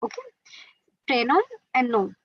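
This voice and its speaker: Over a video call, a woman with an Indian accent explains quiz rules to students on a webinar, blending Hindi into her English with lots of fillers. Her high-leaning voice is very animated, gravelly and breathy at a measured pace, and the recording sounds muffled.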